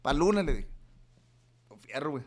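A man's voice: a little high, sing-song, normal speed. A young man, telling crude, slangy stories as a podcast host in casual chat. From Mexico. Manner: slangy, crude, joking storyteller.

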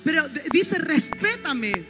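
A woman pastor delivering a sermon with a high voice, drawing out key words one by one and checking that her listeners are following. Her voice rings through a hall with a long reverb, and music plays clearly underneath. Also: big pitch swings. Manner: teaching, repeats words slowly for emphasis, asks the congregation questions.

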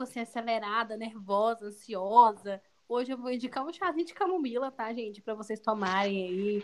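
A Brazilian woman co-hosting a casual podcast with a friend, bubbly, excitable and chatty, often adding little tag questions. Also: on the high side. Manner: frequent tag questions seeking agreement. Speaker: podcast co-host.

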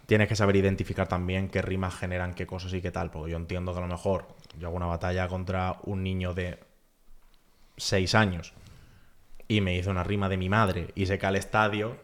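Male guest, deep voice, rapid animated chat. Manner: animated, talks fast with lots of filler phrases. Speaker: guest, freestyle rapper. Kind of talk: casual podcast chat.

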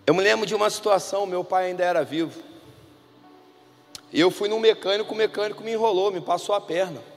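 A man preaching a sermon in a church, telling stories conversationally and swinging between hushed and loud delivery. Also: high voice, fast. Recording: reverberant hall with music.

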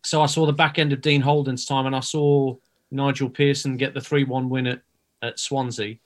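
Measured man previewing a match. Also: mid-range voice, level tone. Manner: measured, analytical, with ums. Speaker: football pundit.

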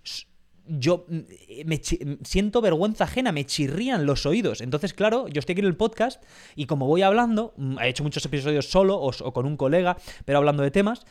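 A man's voice: a little high, lively intonation, brisk, darkish tone. A man hosting a casual podcast interview, rambling and frank, swearing casually. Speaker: podcast host.

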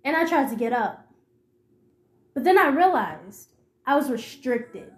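A woman telling a painful personal story in a halting, emotional way, often repeating herself. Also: high-pitched, sing-song. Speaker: podcast host. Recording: roomy echo with faint music.

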